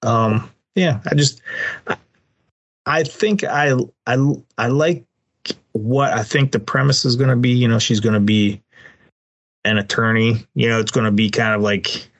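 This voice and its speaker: A man co-hosting a podcast in casual chat, relaxed and agreeable, with lots of fillers and restarts. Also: medium pitch, unhurried, highs cut off. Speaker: podcast co-host.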